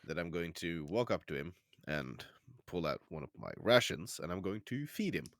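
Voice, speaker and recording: A man's voice: low-pitched, big pitch swings, normal speed, fairly bright tone, dry recording, clean studio sound. A man playing a tabletop game, rambling casually with lots of fillers and some swearing. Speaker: player.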